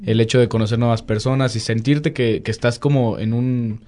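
A young man, a Mexican university student with a Mexican Spanish accent, chatting in a relaxed, casual way. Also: mid-range voice, normal speed. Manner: relaxed, conversational, uses slang fillers. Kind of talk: casual chat.

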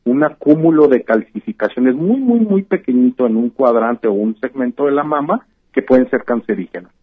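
A man's voice: mid-range voice, lively intonation, moderate pace, slightly rough. A man, a physician explaining things patiently in a radio interview, with many "eh" fillers and "¿verdad?" tags. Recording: tinny phone-like line.

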